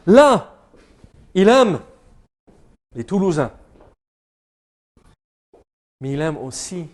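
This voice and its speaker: A man's voice: high-pitched, a little mellow. A male pastor preaching a sermon in French with an English-speaking accent, joking and chatting with the congregation between hesitations. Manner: jokey, chats with the congregation, frequent hesitations. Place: church service.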